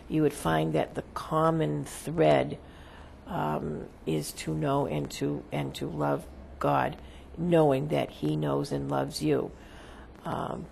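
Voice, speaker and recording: This is a seance medium speaking as a channeled spirit. The voice crackles heavily with fry and moves very slowly, with little rise or fall. The phrasing is solemn, halting and formal, over faint background noise. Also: medium pitch, a little mellow. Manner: halting, deliberate, formal phrasing with long pauses.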